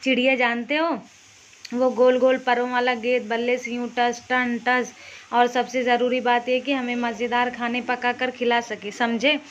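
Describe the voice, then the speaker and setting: A teasing, bantering young man in a storybook tale, as a woman narrator reads him. The voice stays fairly high and level, heard through a muffled, lo-fi recording with a faint hiss. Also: flat delivery, normal speed, natural voice. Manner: jokey and bantering, drumming out sounds. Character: teasing, playful young man, an educated older brother figure.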